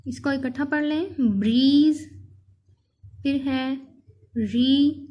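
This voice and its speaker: Slow, high-voiced woman teaching vocabulary. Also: muffled recording. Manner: slow, drawn-out word readings followed by quick explanations. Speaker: English teacher. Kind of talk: recorded vocabulary lesson.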